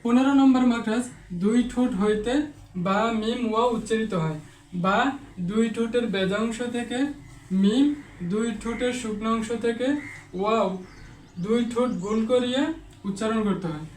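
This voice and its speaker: A man's voice: very high voice, fairly even intonation, moderate pace, long pauses, darkish tone, reverberant, far from the mic, a little hiss or hum. A man teaching Quran pronunciation step by step, patiently saying each letter sound again and again as a drill.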